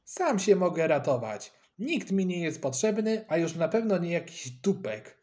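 A man voicing a scrappy schoolboy who is quick to fight, loud and mocking. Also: sits high, sing-song, pitched above the performer's own voice.

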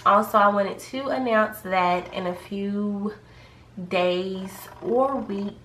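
This pregnancy vlogger speaks slowly in a medium-pitched, fairly bright voice, a bit congested from a cold. She chats and rambles to camera with lots of fillers, in an echoey room where faint background noise can be heard.

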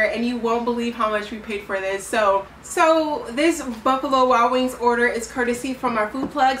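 A woman's voice: sits high, a bit bright. A young woman chatting casually as host of a mukbang eating vlog, recorded indoors by a camera a few feet away. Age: young adult. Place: indoor room, at a table. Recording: roomy, distant mic, faint noise.

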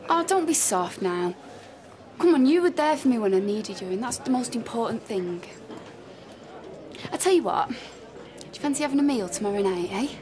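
Woman acting a lively, high-voiced apologetic young Northern woman. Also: moderate pace, close to an everyday voice. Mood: earnest, guilty. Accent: Northern English. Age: young adult. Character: apologetic young woman pleading and making amends. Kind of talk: naturalistic TV soap acting. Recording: busy cafe and pub chatter behind.

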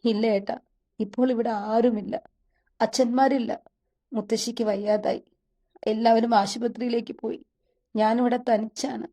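Frightened young woman, voiced by the woman narrator, tearful and pleading, mellow tone, storybook read. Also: fairly high pitch, flat delivery, moderate pace, long pauses.

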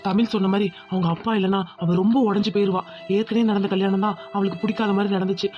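A woman voicing a fast-talking young village groom. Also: medium pitch, level tone, highs cut off, faint music behind, lightly acted. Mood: determined. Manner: soothing, firm, insistent. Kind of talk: cartoon voice acting.

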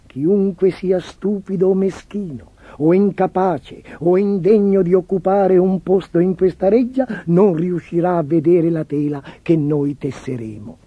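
A man's voice: high-pitched, a little slow, few pauses, breathy edge, no room sound, narrow, tinny audio. A man voicing a sly swindler tailor in a children's storybook, talking in an assured, ingratiating way. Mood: mysterious, assured. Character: smooth-talking, sly swindler tailor flattering his clients. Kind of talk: theatrical children's storybook acting.

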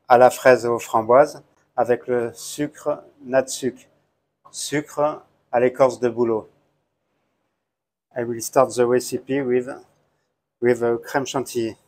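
A man's voice: medium pitch, little pitch movement, slow, long pauses, darkish tone. A middle-aged man, a hotel chef giving a plain, step-by-step cooking demonstration on a lapel mic while he works. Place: hotel kitchen, indoors.

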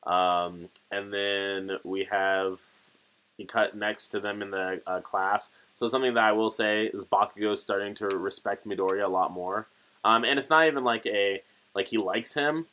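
A young man with a low voice chats casually about an anime episode with friends. He keeps saying "like" and jumps into loud, animated impressions of the characters. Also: moderate pace. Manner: animated, acts out quoted characters in raised voices. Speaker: co-host of anime reaction channel. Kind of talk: casual chat.

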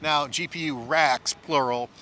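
A middle-aged man hosting an on-site tech analysis chat outdoors with a handheld mic, talking in a rapid, enthusiastic, riffing way. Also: a little high, fairly even intonation, pushed and bright, slight background noise. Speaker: tech show host. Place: outdoor plaza at a conference.

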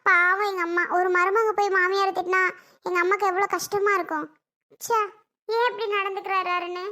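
A performer with a very high, bright voice plays a sulky, defiant young daughter-in-law in a family comedy skit, complaining indignantly. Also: little pitch movement, brisk.

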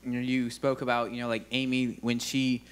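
A man's voice: mid-range voice, monotone, brisk, smooth. Young man, slightly mumbled from a sore jaw. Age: young adult. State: mumbled speech from a sore jaw after wisdom teeth removal. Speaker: student audience questioner. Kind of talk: casual question to a speaker on stage. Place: on stage in a wood-panelled hall with an audience. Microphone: handheld microphone.

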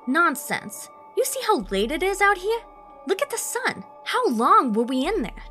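A woman's voice: fairly high pitch, lively intonation, normal speed, soft background music, pitched above the performer's own voice. A woman voicing a cursing, defiant soldier. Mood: scornful. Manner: scornful, shouting, swearing. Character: angry defiant male WWI soldier, cursing.

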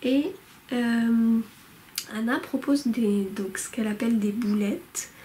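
In a casual show-and-tell vlog, a knitting vlogger shows off her newest yarn purchases from a home room lit by a window. Her voice is slightly high and mellow, and she takes it slowly, chatting hesitantly with lots of fillers and restarts. The recording is rough, with slight background noise.

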